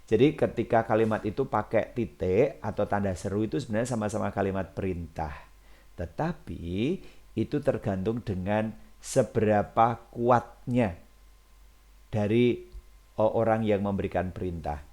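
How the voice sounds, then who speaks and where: A man teaching an English grammar lesson, explaining in Indonesian and reading English example sentences slowly and with stress. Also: lowish voice, a little mellow. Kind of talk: recorded classroom lesson explanation.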